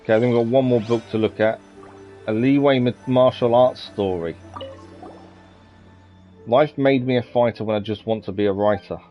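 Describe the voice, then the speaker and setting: A male live streamer plays a video game, reading on-screen text aloud and chatting with viewers. He has a medium pitch and normal speed, pausing often. The sound is slightly dull, with faint game music in the background.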